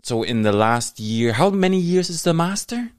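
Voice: mid-range voice, sing-song, moderate pace, clean tone, dry recording, studio quality. A podcast host with a German accent, a native German speaker, chatting casually, laughing often and searching for English words. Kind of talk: casual conversational interview.

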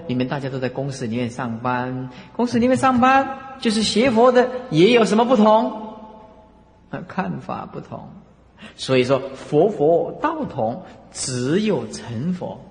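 Animated high-voiced monk, echoing hall. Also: male voice. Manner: animated, emphatic, rhetorical questions. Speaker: Buddhist monk lecturing. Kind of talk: dharma lecture.

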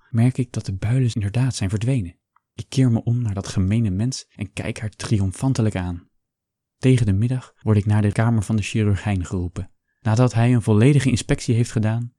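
Guy reading an audiobook, low mellow voice, steady and calm, dry close sound. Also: no echo. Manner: calm, measured storytelling. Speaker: audiobook narrator. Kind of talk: scripted first-person narration.

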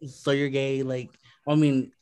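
A woman's voice: a bass voice, flat delivery, unhurried, mellow, no echo. A woman talking casually and laid-back, swearing in passing. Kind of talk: casual chat.

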